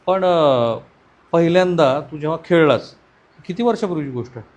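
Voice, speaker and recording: A man's voice: on the high side, lively intonation, moderate pace, a little mellow, lo-fi sound. A man interviewing a family on site, asking probing questions and giving earnest commentary. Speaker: interviewer, vlogger.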